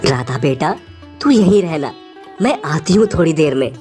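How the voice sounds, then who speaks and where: A woman voicing a poor hardworking maid and mother, soft and humble, in an animated story. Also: low voice, normal speed, soft background music. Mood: gentle.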